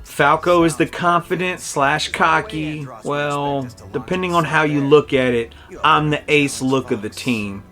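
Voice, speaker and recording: A middle-aged game reviewer speaks a little slowly yet with hardly any pauses, his fairly high voice bright and forceful. He hosts a casual, personal review through nostalgic, enthusiastic storytelling over music.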